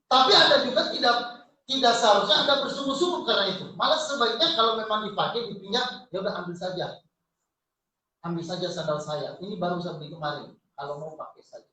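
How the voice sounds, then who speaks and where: A man preaching a lively, joking sermon to his congregation, calling out to them. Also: sits high, fast. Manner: lively, jokey preaching with congregation call-outs. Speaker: pastor. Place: church hall. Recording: echoey church hall from far off.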